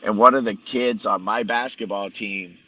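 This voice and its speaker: A man's voice: fairly low pitch, fairly even intonation, normal speed, sharp tone, low-quality recording. A man guest telling a story in casual conversation, blunt and profane, rambling with many restarts. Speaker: podcast guest.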